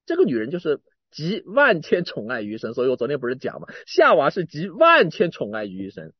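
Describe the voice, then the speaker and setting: A man preaches a sermon with a husky voice and a lively, swooping pitch. He keeps restarting and repeating words, rising to emphatic bursts and dropping to quiet asides. The recording is dull and dry, with no room sound. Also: fairly quick, no echo.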